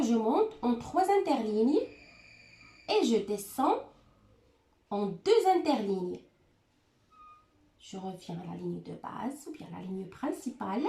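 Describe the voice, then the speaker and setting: Slow, patient woman teaching handwriting. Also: a little high, a little mellow. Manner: slow, patient step-by-step instruction. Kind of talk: handwriting lesson.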